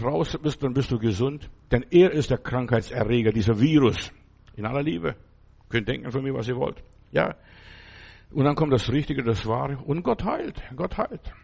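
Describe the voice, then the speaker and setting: A middle-aged man delivers a sermon with a gravelly, creaky voice. His tone is husky, and he speaks earnestly, returning to the same phrases and checking in with his listeners. His pitch sits at an ordinary middle height. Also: a little mellow. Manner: earnest, repeats phrases with many tag questions. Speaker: preacher.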